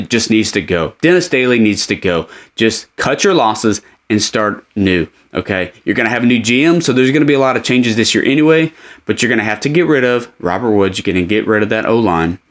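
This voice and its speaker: A man giving opinionated, conversational sports commentary as a podcast host, speaking emphatically from a fan's standpoint. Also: medium pitch.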